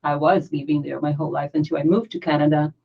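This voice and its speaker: A Brazilian woman with a Brazilian Portuguese accent, the founder of a pagan community, appears as a guest in a casual interview, earnest and chatty and sometimes searching for words. She talks fast in a deep, creaky, husky voice with flat delivery, recorded on dull lo-fi audio.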